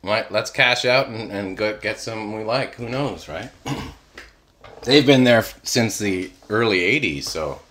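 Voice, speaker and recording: A man in casual conversation who laughs often and keeps breaking into loud, yelled voices for things he imagines talking. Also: on the low side, unhurried, slight background noise. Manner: laughing, animated, swearing, acts out plants in loud yelling voices. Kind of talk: casual chat.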